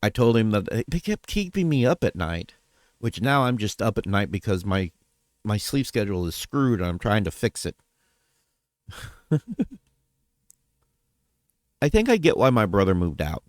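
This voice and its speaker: Man, lowish voice, casual vlog update, rambling, self-correcting, dry. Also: big pitch swings, unhurried, pauses often, no echo. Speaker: vlogger.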